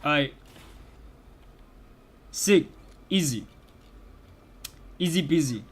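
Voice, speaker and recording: A man's voice: a little high, animated, extremely slow, breathy edge. A young man commenting casually on his game playthrough in laid-back slang. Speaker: gaming streamer. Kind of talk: casual let's-play commentary.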